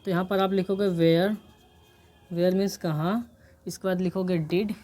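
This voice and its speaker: A woman's voice: on the low side, steady tone, a little slow, dark tone. Woman teaching English grammar step by step. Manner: explains step by step, repeats and checks understanding. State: coming down with a cold. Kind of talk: grammar lesson.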